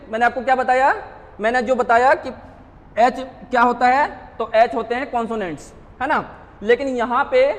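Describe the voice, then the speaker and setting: With a very high voice and a big-room sound, a coaching-class English grammar teacher takes students through exam-prep grammar. He poses rhetorical questions, answers them himself step by step, and often checks whether the class is keeping up.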